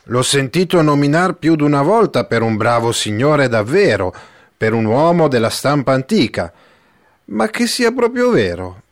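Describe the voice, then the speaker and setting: A man's voice: medium pitch, very animated, moderate pace, voice pushed up, close to an everyday voice. A man reading the part of a timid, fretful older village priest, talking in fussy, rambling bursts. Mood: startled. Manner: fussy, rambling, emphatic exclamations. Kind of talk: audiobook character reading.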